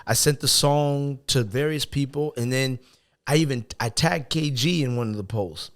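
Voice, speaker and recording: A man's voice: mid-range voice, normal speed. A young man from Zimbabwe, a guest musician, telling stories in a humble, grateful way on a casual podcast.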